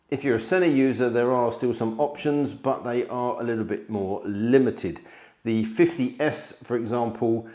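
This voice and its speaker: A middle-aged man with a lowish, slightly mellow voice explains a product to camera in a conversational style. He's seated at a table in an indoor studio, recorded on a close mic.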